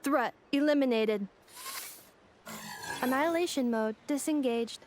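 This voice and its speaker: A woman's voice: high voice, measured pace, a little hiss or hum. A woman voicing a polite, precise female robot in an anime video game, speaking in clipped, unemotional phrases. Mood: calm. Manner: clipped, formal, deadpan.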